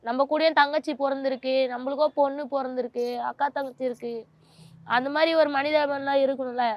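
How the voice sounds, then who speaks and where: A woman's voice: sits high, steady tone, fast, highs cut off. A woman, a mother of two, speaks in an emotional interview in a pleading, aggrieved and insistent way.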